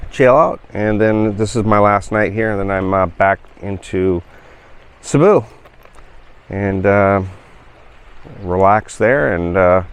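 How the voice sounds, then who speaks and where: A man in his fifties, a travel vlogger, shows viewers around in a casual walk-and-talk vlog, rambling and relaxed with lots of fillers and laughs. His voice is on the low side and the tone is clean.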